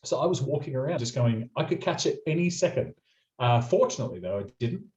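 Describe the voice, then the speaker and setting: Very animated and a little mellow, a young Australian man's medium-pitched voice spins quick, chatty travel anecdotes. He's a radio presenter in a casual storytelling interview, recorded in muffled lo-fi sound.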